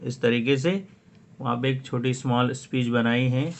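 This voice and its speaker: A man's voice: medium pitch, steady tone, moderate pace. A man teaching a lesson on an English poem, who reads English phrases and then explains each one in Hindi-Urdu.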